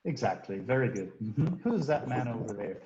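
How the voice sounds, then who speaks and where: A man's voice: mid-range voice, very animated, normal speed, mellow. A man teaching an online English class, explaining grammar patiently and drilling pronunciation with his students. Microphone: video call. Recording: roomy, dull video-call audio with faint noise.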